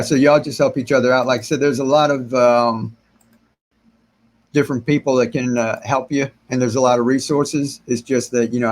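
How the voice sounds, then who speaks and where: Slightly raspy after talking for a long time, this middle-aged man with a mid-range voice runs a casual gardening Q&A livestream. Surrounded by shelves of plants in a small indoor room, he answers viewer comments in a loose, rambling way, full of fillers and restarts, his hands gesturing as he speaks.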